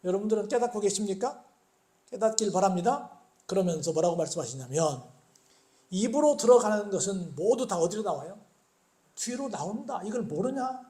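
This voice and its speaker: A man's voice: high-pitched, darkish tone. A male pastor preaching a sermon. He asks the congregation questions, answers them himself, and acts out the biblical speakers in quoted lines. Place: church sanctuary. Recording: echoey church sanctuary.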